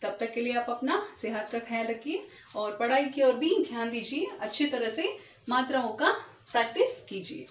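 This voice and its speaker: A woman teacher giving a recorded Hindi lesson to young children, spelling words slowly and clearly and mixing in English words. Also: a little high, expressive. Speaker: primary school teacher. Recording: echoey room, distant dull mic.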